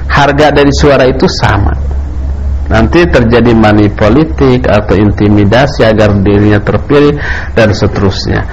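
A man preaching in a didactic lecture style, using rhetorical questions and emphatic repetition. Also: medium pitch. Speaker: Islamic preacher answering questions. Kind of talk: religious lecture, explanatory preaching. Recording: clearly noisy background, room ambience.

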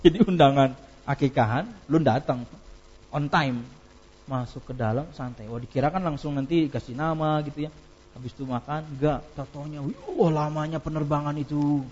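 A man's voice: fairly high pitch, fairly even intonation, moderate pace, darkish tone, breathy edge, lo-fi sound. A man giving an informal religious lecture, telling anecdotes with laughter and reciting Arabic passages. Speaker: preacher.

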